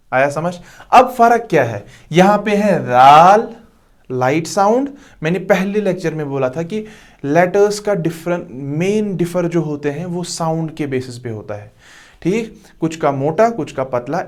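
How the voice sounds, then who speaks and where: Slow-paced man teaching letter sounds. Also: fairly high pitch. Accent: Urdu-Hindi speaker. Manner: repeats each letter slowly, checks understanding often. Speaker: Quran recitation teacher. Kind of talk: recorded tajweed lesson.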